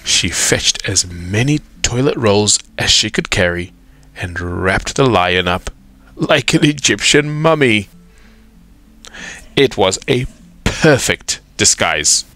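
Deep-voiced man reading a storybook. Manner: expressive, dramatic pauses. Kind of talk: children's storybook read-aloud.

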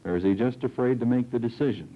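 A man's voice: medium pitch, fast talker. A young man hosting a TV panel, asking long, hesitant questions at a studio desk microphone, with old film sound. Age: young adult. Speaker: host. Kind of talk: TV panel discussion. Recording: dull 1960s TV film sound.

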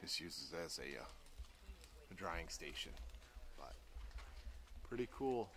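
At a wooded campground, a trailer review vlogger with a deep voice walks around casually, explaining the trailer gear one step at a time. He's very animated but takes it slowly, and crowd noise can be heard.

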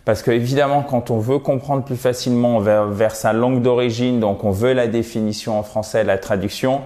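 Give me a man teaching an online English pronunciation lesson, relaxed and encouraging, mid-range voice. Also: mid-range voice, a little fast. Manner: chatty and encouraging, frequent "ok?" check-ins.

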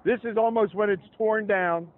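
Older guy doing a walking tour by the road, talks in asides, highish voice, sounds like a phone recording. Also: steady tone, moderate pace. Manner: chatty, asides and restarts while reading from papers. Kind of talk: outdoor history tour talk. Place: roadside sidewalk outdoors beside traffic. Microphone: camera held close in the crowd. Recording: tinny phone-like outdoor audio.

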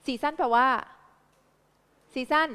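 High-pitched woman, Thai accent, lively quizzing manner, long room reverb. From Thailand. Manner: lively, quizzing students with quick repeated questions. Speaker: English tutor. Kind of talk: live classroom lesson. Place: classroom.

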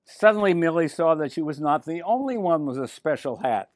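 A man's voice: a little high, animated, a little fast, no echo. An older man reading a picture book aloud to children, chatting to them with asides between the lines. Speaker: resident reader.

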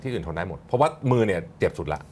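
A man's voice: deep voice, lively intonation, rapid-fire, a little mellow, a little hiss or hum. A man giving casual, reassuring instructions as a coach, often repeating his phrases. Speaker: ice bath coach. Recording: background music under the voice. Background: music.

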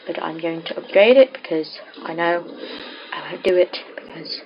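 A woman's voice: lowish voice, moderate pace. A young English woman giving casual, self-deprecating commentary while playing a game at home, talking to herself. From England. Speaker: let's play gamer. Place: home room. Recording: dull lo-fi mic with clear noise.

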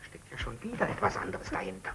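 A jealous young suitor in a 1939 film drama. He speaks in a sharp, sarcastic, accusing way, bitter at being deceived. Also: high voice, wildly swooping pitch, fast talker, creaky, noisy background, heavily acted. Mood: earnest.

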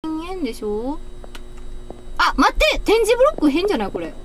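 Kagoshima accent girl streamer chatting thru a horror game, repeats words nervously, really high voice, noisy audio. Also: big pitch swings, normal speed. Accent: Kagoshima, Japan. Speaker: streamer, video game player. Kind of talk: casual horror game live-stream commentary.

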